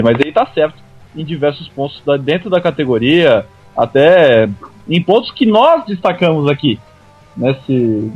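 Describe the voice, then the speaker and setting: A man's voice: fairly high pitch, no echo. Dull lo-fi Brazilian man, racing pundit. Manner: frequent tag questions. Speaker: motorsport pundit. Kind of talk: conversational racing analysis. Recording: dull lo-fi radio sound, dry.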